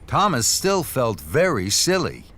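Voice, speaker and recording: In an expressive storytelling style, a man narrates a scripted children's story. His voice sits in the mid-range and moves a little slowly.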